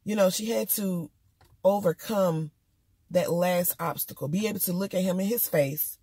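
Husky woman chatting a TV recap. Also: lowish voice, moderate pace, dark tone, no echo. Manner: slangy, candid, talks straight to viewers. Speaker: TV episode reviewer. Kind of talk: casual recap chat.

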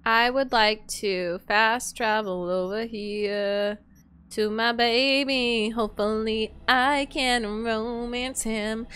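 A young woman doing casual, playful let's play commentary for viewers into a close desk microphone, with expressive reactions. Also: on the high side, takes it slowly, clear, resonant tone. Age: young adult. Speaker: game streamer. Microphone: close desk microphone with headset headphones.

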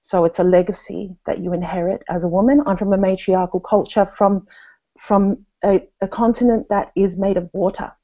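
A woman's voice: mid-range voice, fairly even intonation, moderate pace, warm tone. A woman in her thirties from Tonga, speaking earnestly on a video call panel with many fillers and restarts. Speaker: panel guest. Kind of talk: thoughtful video call discussion. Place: small room indoors, seated at a desk. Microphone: webcam with earphones on a video call. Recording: dull lo-fi video call audio.

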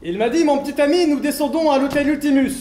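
An actor playing a smooth skirt-chasing gentleman who bluffs and talks glibly. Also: very high-pitched, fast talker, a little hiss or hum. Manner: glib, bluffing. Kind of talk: stage play acting. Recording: echoey theater stage recording.

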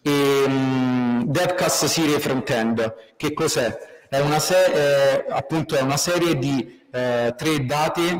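A man with a mid-pitched voice gives opening announcements for a tech meetup before handing over to the speaker. He hesitates often and restarts his sentences, speaking in a lecture hall. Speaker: event organizer introducing the speaker. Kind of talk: event announcements.

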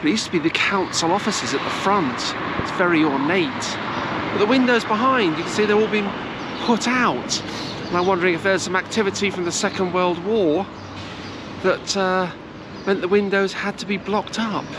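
Walking through sunny city squares and streets, a middle-aged travel vlogger films herself at arm's length. She speaks at medium pitch and a moderate pace, chatting in a meandering way and hesitating often, while outdoor traffic and street noise play behind her.

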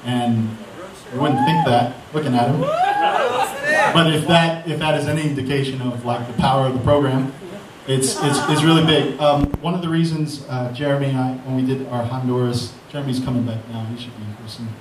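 A beat producer takes the mic at a live event, giving a rambling speech that's grateful and self-deprecating, his medium-pitched voice swinging widely at normal speed. A loud crowd fills the event hall, and the echoey mic picks him up from far off.

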